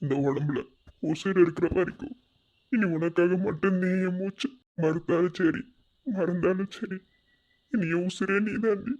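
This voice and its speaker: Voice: medium pitch, moderate pace, lightly acted. A performer voicing a remorseful young village husband in a cartoon, pleading and self-blaming, with a Madurai Tamil accent. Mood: devoted. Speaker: cartoon character. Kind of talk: emotional cartoon drama dialogue. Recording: dull lo-fi sound.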